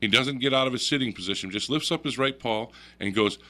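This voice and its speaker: Bright-voiced man spinning a tale. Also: medium pitch, fast. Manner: animated storyteller who laughs often and acts out voices. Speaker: guest storyteller. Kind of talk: radio talk show anecdote.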